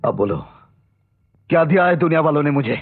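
A man's voice: fairly high pitch, expressive, a little fast, narrow, tinny audio, soft background music. An actor playing an embittered young man bent on revenge, speaking in a bitter, brooding way, in a film melodrama. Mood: furious.

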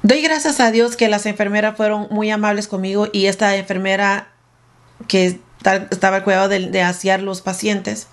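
A woman speaks straight to her viewers in a casual story time vlog, her voice set at an ordinary middle pitch for a woman. She retells events in an emotional, somewhat breathless way, circling back and repeating her phrases as she goes. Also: fairly even intonation, normal speed. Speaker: vlogger telling her own story.

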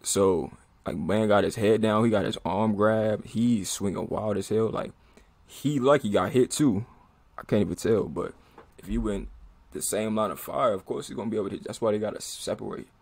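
A man with a low, gravelly voice talks through a fight clip in a relaxed, slangy way. He keeps up a running commentary for his own reaction video, exclaiming and chuckling as it plays. The tone is casual and conversational throughout. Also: normal speed, no echo.

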